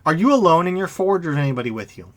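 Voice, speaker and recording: A man's voice: a little high, big pitch swings. Man narrating a tabletop game. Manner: descriptive, halting, with fillers. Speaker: game master.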